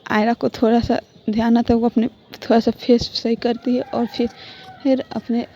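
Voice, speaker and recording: A woman's voice: a little high, warm tone. A woman telling a story casually, rambling and often correcting herself, on a dull lo-fi recording with faint noise.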